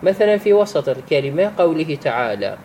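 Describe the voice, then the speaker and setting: A man with a slightly high but warm, mellow voice teaches recitation rules. He speaks patiently, repeating each example word and restarting phrases as he explains. A faint hiss sits behind him. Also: big pitch swings, a little fast, poor audio.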